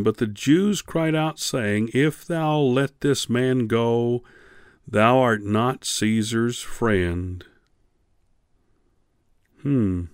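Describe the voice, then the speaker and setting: A male Bible teacher gives a radio lesson at an unhurried, deliberate pace. He reads scripture and then comments on it, pressing hard on key words with sudden rises. His voice is dry and close, with no room sound. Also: medium pitch, clear, resonant tone, no echo.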